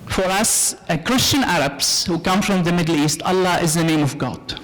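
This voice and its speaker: A man's voice: high-pitched, moderate pace, fairly bright tone, big-room sound, poor audio. A man from Syria, a native Arabic speaker and theology professor, asking a polite, earnest question from the audience at a lecture. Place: lecture hall.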